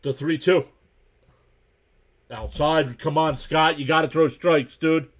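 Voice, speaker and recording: Laid-back man calling pitches live. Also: steady tone, slow pace. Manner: calls pitches and counts while reading out chat messages; chatty and laid-back, greets viewers by name. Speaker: live game reaction streamer. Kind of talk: casual live play-by-play commentary.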